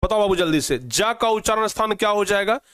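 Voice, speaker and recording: A man's voice: high voice, expressive, fairly quick, fairly bright tone, no echo, studio quality. A man teaching an exam-prep grammar lesson, coaxing students and repeating each question.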